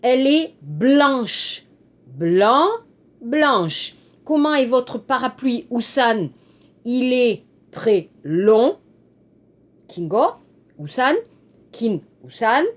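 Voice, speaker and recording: A teacher walks her class through exercise answers at an unhurried pace. Her voice sits high and moves a lot, rising and falling as she spells out endings and explains each adjective in simple terms. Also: very animated. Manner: slow, spelling out words and switching into Korean glosses. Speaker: French teacher. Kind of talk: online language lesson, correcting exercises.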